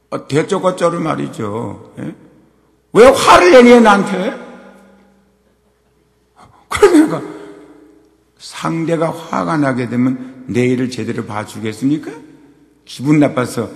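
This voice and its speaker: An older man preaching in a gravelly, mid-pitched voice. He swings between hushed asides and sudden loud bursts. A long reverb trails each phrase. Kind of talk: sermon storytelling.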